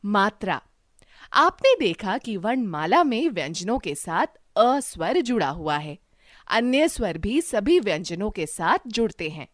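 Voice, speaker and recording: A woman's voice: medium pitch, very animated, unhurried, no room sound, clean studio sound. A woman teacher narrating a scripted lesson, reading out letters and words one at a time with careful stress.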